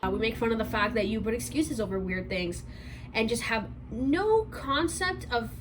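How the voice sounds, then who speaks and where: A twenty-year-old woman giving a sarcastic commentary vlog, rambling fast and correcting herself as she goes. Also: fairly high pitch, expressive, slight background noise, rough recording. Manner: sarcastic, rapid rambling with restarts. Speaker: commentary YouTuber.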